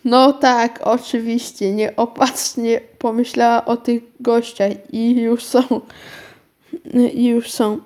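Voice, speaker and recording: A worried, well-mannered little girl from a children's storybook, played by a woman reading aloud. Her lines come out high, quick to protest and pleading. She stays polite even when she is upset.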